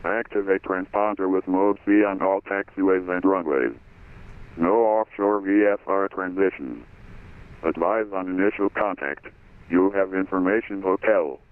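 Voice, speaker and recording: A man reading an airport weather broadcast in a flat, steady recitation, heard over aviation radio. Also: low voice, a little slow, clear, resonant tone. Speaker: automated terminal information broadcaster. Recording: tinny narrow-band radio audio.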